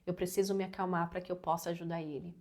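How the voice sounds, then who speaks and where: A woman's voice: on the low side, fairly even intonation, quick pace, a little mellow. Woman, thirties, earnest, personal, chatty fillers, parenting educator talk. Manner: earnest, personal, uses many sabe and né fillers. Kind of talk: advice talk to camera.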